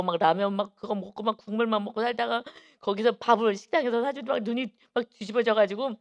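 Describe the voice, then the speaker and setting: Korean pastor telling a sermon story. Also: male voice, high-pitched. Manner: animated storytelling with many emphatic fillers. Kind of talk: early-morning sermon.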